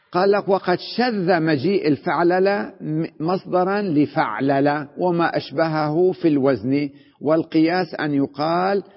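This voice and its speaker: A man with a somewhat high voice lectures on grammar, patiently repeating each term and asking his students whether they follow. His voice carries a long reverb from a large hall, and the recording sounds muffled. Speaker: sheikh teaching Arabic grammar. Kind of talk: classroom lecture on morphology.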